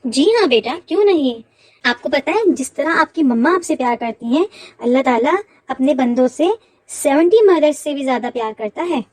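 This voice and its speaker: A woman playing a gentle, pious mother who patiently teaches her son. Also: high-pitched, animated, moderate pace, no echo. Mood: gently teaching. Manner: patient, warmly instructive. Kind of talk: children's moral short film acting.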